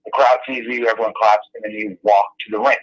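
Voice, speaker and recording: A man's voice: lowish voice, level tone, fast. A man talking over the phone as an interview guest, telling rambling, self-deprecating stories in a casual way. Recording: muffled phone line.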